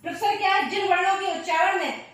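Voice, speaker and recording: A woman's voice: extremely high pitch, quick pace, fairly bright tone. A woman teaching a grammar lesson, patiently counting, repeating terms and answering her own questions. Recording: echoey room, voice far from the mic.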